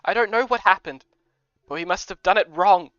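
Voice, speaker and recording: A man's voice: sits high, fairly quick, fairly bright tone, clean tone, no room sound, pitched above the performer's own voice. A man doing a sorrowful Scottish housemaiden. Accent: slight Scottish put-on. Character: older head housemaiden woman, sorrowful and apologetic. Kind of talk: game readthrough voicing. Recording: dull lo-fi recording.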